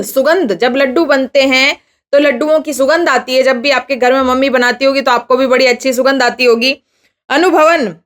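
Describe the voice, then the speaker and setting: A woman teacher reading Sanskrit phrases slowly, then explaining each one and asking her students questions. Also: high voice, a bit bright. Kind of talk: Sanskrit lesson explained in Hindi.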